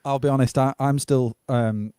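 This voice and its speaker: Male stream host, mid pitch, blokey and matey casual chat, dry recording. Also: fairly even intonation, normal speed, dark tone, clear, resonant tone, no room sound. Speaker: host of a live music stream.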